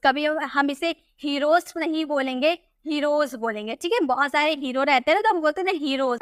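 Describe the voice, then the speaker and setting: Female tutor, high pitch, patient and repetitive, dry close recording. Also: a bit bright, no echo. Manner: patient, repeats words slowly with rhetorical questions. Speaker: English pronunciation teacher. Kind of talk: Hindi-language tutorial explaining rules.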